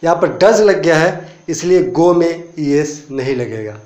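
Indian male English tutor, step-by-step classroom explainer, higher voice, echoey room. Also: animated, a little mellow. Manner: explains step by step with many rhetorical questions; slow, deliberate English example phrases. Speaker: English teacher. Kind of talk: spoken English lesson.

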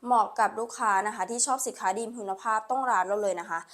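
A woman selling on a live stream, with a repetitive, urging sales pitch full of polite particles. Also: fast, fairly bright tone. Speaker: live-stream online seller.

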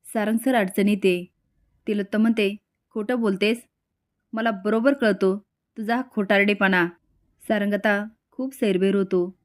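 A woman tells the story of a serial episode in a steady, scripted narration. She moves scene by scene and reads out each character's lines herself in quotes. Her voice sits at an ordinary pitch for a woman.

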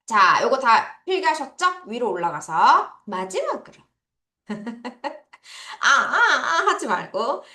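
Lively woman teacher drilling English words. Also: fairly high pitch, reverberant. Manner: drills pronunciation, has students repeat words slowly; calls herself teacher, talks to kids directly. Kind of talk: online vocabulary lesson for children.

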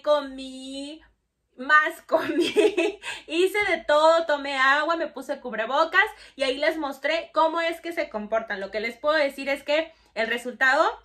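A woman's voice: sits high, sharp tone. A young woman with a Mexican Spanish accent chatting casually to camera about lipsticks, bubbly and full of fillers. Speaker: beauty vlogger. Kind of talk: casual makeup review to camera.

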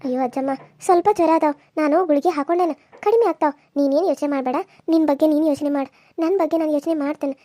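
A woman's voice: high-pitched, steady tone, rapid-fire, warm tone, dry recording, natural voice. A woman voicing a kind young village woman in a cartoon serial, with a soothing, reassuring way of talking.

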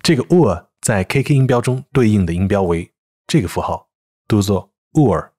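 Male language teacher, lively intonation, measured scripted lesson delivery. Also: on the low side. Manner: clear, measured explanation with slow example words. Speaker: English pronunciation teacher.

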